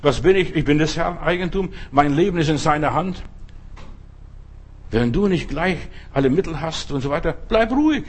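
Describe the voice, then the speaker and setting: A middle-aged man preaches with fervour, his husky voice sitting a little high. He speaks directly to the listener and swings between loud, stretched exhortations and low, quiet asides. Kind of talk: sermon.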